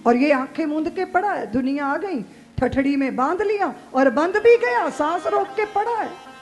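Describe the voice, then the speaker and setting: A woman narrating a devotional katha story in an animated, dramatic way, acting out the characters. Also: sits high, moderate pace, faint music behind. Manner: animated, dramatic, acts out voices.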